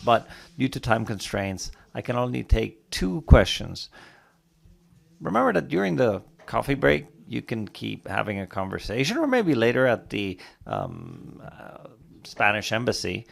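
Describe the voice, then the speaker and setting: A man chairing a panel discussion, courteous and brisk as he hands out the questions. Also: fairly low pitch, gravelly. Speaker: conference moderator.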